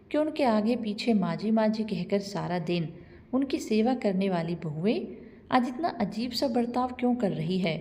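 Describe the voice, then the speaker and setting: Woman storyteller, steady expressive narration, mellow tone, long reverb. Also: medium pitch.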